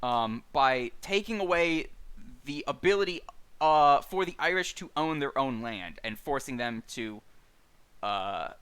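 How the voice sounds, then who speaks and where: A man's voice: medium pitch, clear, resonant tone. A man hosting a streamed book club, reading a list of names and chatting casually with lots of fillers and dry asides. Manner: lively, halting with many fillers, dry asides. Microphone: streaming mic.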